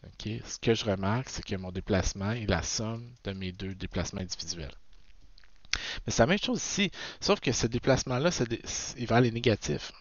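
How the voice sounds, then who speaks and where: A man's voice: on the low side, dry recording. A man with a Québécois French accent, teaching a recorded physics lecture, often checking in with "ok?" and correcting himself as he goes. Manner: frequent "ok?" checks, self-corrections. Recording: dull, dry lo-fi sound.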